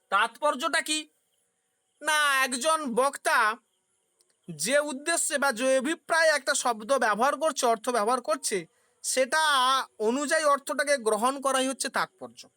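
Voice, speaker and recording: A woman's voice: high-pitched, fairly bright tone, dry recording. A woman teaching a philosophy exam-prep class. She poses questions, answers them herself, and uses everyday examples.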